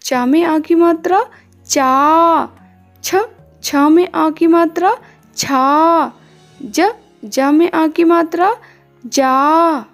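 A woman teaching a recorded online lesson to young children, with slow, drawn-out, sing-song prompts and repeated questions. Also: very high voice, faint music behind. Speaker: kindergarten teacher.

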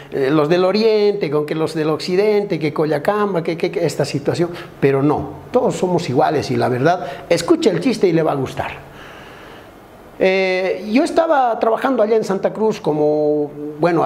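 Bolivian male stand-up comedian, high pitch, does playful character voices. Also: a little mellow, slight background noise. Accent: Bolivian Spanish. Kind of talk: stand-up joke telling.

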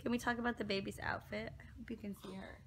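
A woman's voice: medium pitch, fairly even intonation, quick pace, background noise. A young woman chatting casually to her viewers in a home vlog, upbeat and talkative. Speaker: vlogger. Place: at home indoors.

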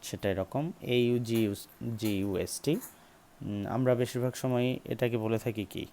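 A man's voice: mid-range voice, steady tone, dark tone, slight background noise. A man teaching English pronunciation, spelling out words, saying each one several times and asking his viewers questions. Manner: slow, repeats each word to drill it. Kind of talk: spoken English lesson.

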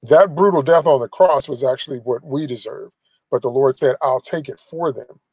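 A man's voice: medium pitch, normal speed, darkish tone, husky, dry recording, rough recording. Emphatic male preacher streaming from a car. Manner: emphatic, repeats phrases for emphasis, gestures with his hand. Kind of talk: live-streamed sermon. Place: inside a parked car. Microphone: phone camera at arm's length.

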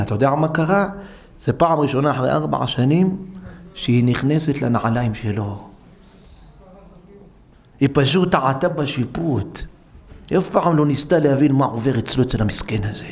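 A man's voice: mid-range voice, vocal fry. A man, a rabbi, giving a storytelling sermon in a synagogue, acting out dialogue and speaking straight to his listeners. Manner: animated, acts out dialogue, addresses listeners directly. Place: synagogue hall, live-streamed.

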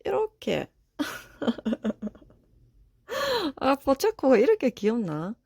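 A woman's voice: medium pitch, animated, measured pace, a little mellow, no room sound. Woman unboxing figures, bouncy up-and-down voice, packaging crinkling. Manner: chatty, exclaims often, laughs, talks to herself. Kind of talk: casual unboxing chat.

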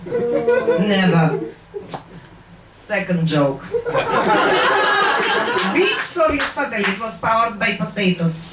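Woman doing a deadpan Soviet comedienne. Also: medium pitch, slow pace, pauses often. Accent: fake Russian. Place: small comedy club stage. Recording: roomy club, far from mic, noisy crowd.

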